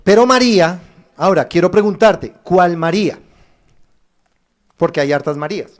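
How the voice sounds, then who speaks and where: A man pastor preaching a streamed sermon, addressing viewers directly with emphatic rises and pauses. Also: a little high. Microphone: streamed online service.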